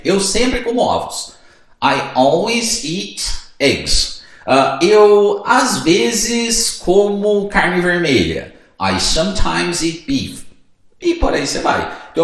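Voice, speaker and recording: A young Brazilian man teaching in a relaxed, chatty way, his voice lively and rising and falling a lot. He speaks a little high for a man and walks through each step, sometimes playing both student and teacher. The room rings with a strong echo. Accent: Brazilian Portuguese. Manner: chatty, explains step by step and acts out student dialogues. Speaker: English teacher. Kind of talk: casual teaching video. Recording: very echoey room.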